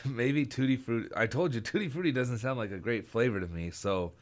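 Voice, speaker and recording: A man co-hosting a podcast in casual, joking chat, talking haltingly and repeating himself with lots of filler words. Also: medium pitch. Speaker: podcast co-host.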